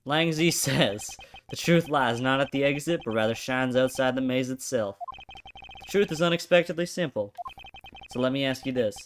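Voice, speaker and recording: A man's voice: mid-range voice, normal speed, a little hiss or hum, natural voice. A man doing a cocky detective in a mock Irish-British accent. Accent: put-on bad Irish-British. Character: swaggering male wolfish detective, cocky. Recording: game music behind.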